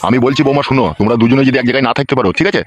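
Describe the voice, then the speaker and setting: A man voicing a gruff, bossy village father-in-law in a comedy cartoon. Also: mid-range voice, fairly even intonation, very fast, natural voice. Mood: laying down rules.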